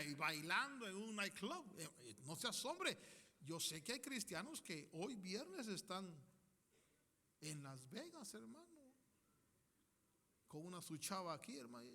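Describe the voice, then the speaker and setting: A man preaches a sermon in a church hall with a long, ringing reverb. His voice sits high and swings widely in pitch, with a bright, forceful edge. He talks emphatically, leading the congregation in declarations. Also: sing-song, unhurried, pauses often. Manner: emphatic, leads congregation in declarations, acts out quoted people.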